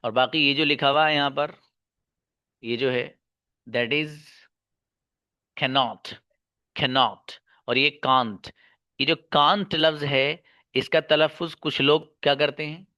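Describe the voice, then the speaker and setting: Slow, patient male English teacher. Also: fairly high pitch, steady tone, pushed and bright. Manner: slow, explains each phrase twice in two languages; asks the class questions and answers them himself. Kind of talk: slide-based grammar lesson.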